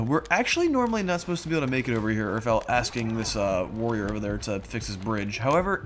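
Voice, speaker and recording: A man's voice: medium pitch, a little hiss or hum. A man hosting a let's play, giving casual gaming commentary in a chatty, jokey manner that addresses viewers directly. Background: game music.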